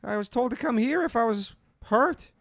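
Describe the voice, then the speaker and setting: A man's voice: extremely high pitch, animated, moderate pace, a bit bright, dry recording, studio quality, voice pushed up, full character voice. A man voicing a wounded male stranger who begs at a temple door for healing, stammering and pleading. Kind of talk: voicing a character in a tabletop game.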